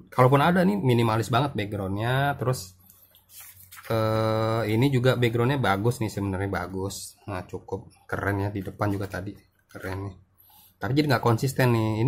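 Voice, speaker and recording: Young man, lowish voice, loose casual comic-review chat full of fillers. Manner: loose, hesitant, many fillers and repeats.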